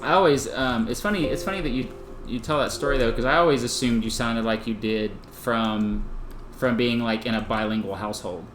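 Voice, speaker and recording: A man's voice: medium pitch, brisk, fairly bright tone, soft background music. A man with an East Texas accent chatting casually in a laid-back, easygoing way. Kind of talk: casual chat. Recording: echoey room with faint hiss.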